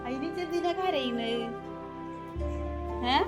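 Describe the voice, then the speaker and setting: A woman speaks in a mid-pitched, everyday voice, chatting casually to her home vlog audience. She gently coaxes and soothes her children, and music plays clearly behind her. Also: steady tone, brisk. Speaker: family vlogger and mother. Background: background music.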